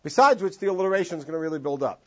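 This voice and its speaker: In a dull, lo-fi classroom recording, a Los Angeles man teaches a text study with rapid-fire delivery at a fairly high pitch. He is animated and stretches phrases into long sung tones.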